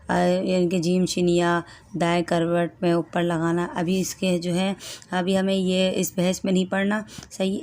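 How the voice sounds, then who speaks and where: A woman's voice: lowish voice, a little mellow. A woman teaching a step-by-step Quran reading lesson, patiently sounding out letters one by one and often checking in with her students.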